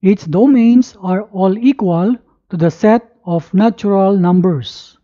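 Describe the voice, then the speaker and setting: A woman reading a scripted lesson as if dictating, word by word with pauses, spelling out letters and punctuation. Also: medium pitch, dark tone, muffled recording. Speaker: math lesson presenter. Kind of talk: scripted lesson narration, read aloud.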